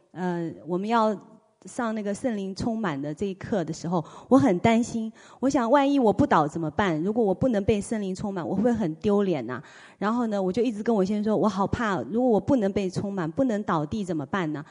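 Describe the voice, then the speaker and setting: A woman's voice: mid-range voice, darkish tone, big-room sound. A woman giving an emotional, earnest spoken testimony in a church, her voice rising and falling with feeling. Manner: emotional, earnest, reenacts her own cries.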